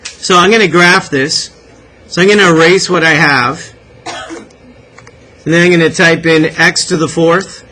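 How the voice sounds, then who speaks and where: A man with a Canadian accent lectures a calculus class, his voice high and bright. He keeps checking in with the students, encouraging them with questions. A faint classroom hum sits behind him. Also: steady tone, unhurried, long pauses, rough recording. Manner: encouraging, asks many questions. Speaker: math teacher.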